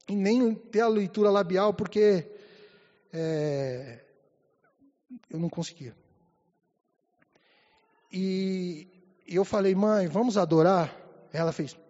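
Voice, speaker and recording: A man preaching a sermon and telling a personal story. He talks softly and haltingly, then rises to a fervent tone. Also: high-pitched. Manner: soft and halting, rising to fervent. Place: church. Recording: dull sound with long hall reverb.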